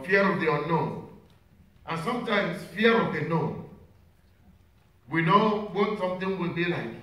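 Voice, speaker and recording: A man's voice: high-pitched, a bit bright. A man, a priest, preaching a homily and putting questions to the congregation. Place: large reverberant church. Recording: very echoey church, distant mic.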